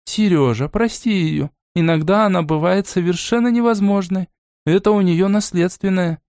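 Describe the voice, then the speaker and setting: A man's voice: high voice, darkish tone, dry recording, studio quality, voice pushed up. Stern aristocratic old grandmother, voiced by a man. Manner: measured, cool and commanding.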